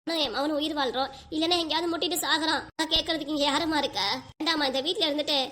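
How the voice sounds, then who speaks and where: Woman voicing a hurt young cartoon mother, aggrieved, complaining, bright, fast. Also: sits high, steady tone, a little hiss or hum. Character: hurt young mother leaving home with her son. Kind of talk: cartoon voice acting.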